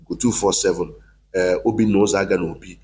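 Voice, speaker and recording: A man's voice: low voice, fairly even intonation, fairly quick, a little mellow, low-quality recording. A man delivering a heated, accusing monologue to camera, repeating himself for emphasis. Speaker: online commentator.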